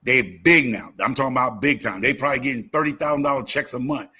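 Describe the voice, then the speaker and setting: A talkative man in his fifties, a YouTube gardening creator and live host, chats casually on a livestream while telling motivational stories, emphatic and repeating phrases. His mid-range voice is fast, with a sharp tone and a breathy edge.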